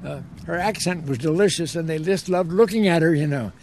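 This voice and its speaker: A man's voice: a little high, a little fast, darkish tone, a little hiss or hum. An elderly American man, an old war veteran, remembering his service in an interview, telling it unhurriedly and repeating words for emphasis. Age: 80s or older. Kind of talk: reminiscing in an interview.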